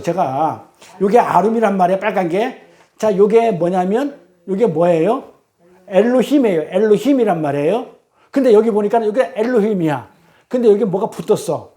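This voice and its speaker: A woman preacher delivers a teaching sermon at a church service in a warm, mellow voice. She keeps prompting the congregation with questions. She slows right down to read scripture and transliterated Hebrew aloud word by word. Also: medium pitch. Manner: reads scripture and transliterated Hebrew slowly and deliberately.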